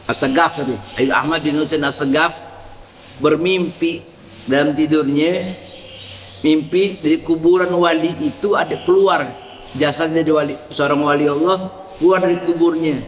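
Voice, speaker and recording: Preacher in an echoey mosque hall. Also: male voice, on the high side, a little hiss or hum. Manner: demonstrating prayer gestures, teaching a chant for the congregation to repeat. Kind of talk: mosque sermon. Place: mosque during dawn congregation.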